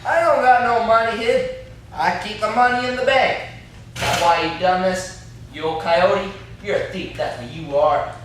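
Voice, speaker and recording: A young adult man plays an indignant, blustering country captive in an amateur stage play, talking in a folksy, complaining, threatening way. His voice sits high and he speaks unhurriedly. A distant camera mic picks him up in an echoey, classroom-like indoor room, with faint noise.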